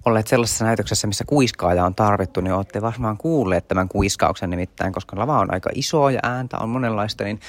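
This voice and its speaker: A man with a somewhat low voice walks listeners through one space after another. He talks in a relaxed, chatty way. He sounds like a podcast host on a walking tour. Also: hardly any pauses.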